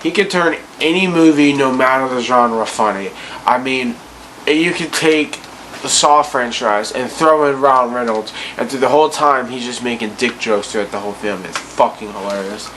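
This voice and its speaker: A man's voice: medium pitch, normal speed, noisy background. A drunk man giving a casual, rambling, profane rant about movies in a loose, incredulous way. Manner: tipsy, loose, incredulous ranting. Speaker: vlogger ranting about bad movies.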